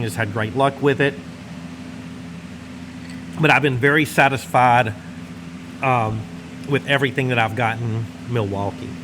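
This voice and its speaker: Seated close in front of the camera in his large, insulated home garage workshop, a middle-aged channel host with a Northwest Louisiana Southern drawl chats in a medium-pitched voice. His casual talk is easygoing, folksy and meandering, broken by pauses as he smokes a cigar. A running heater hums steadily behind him.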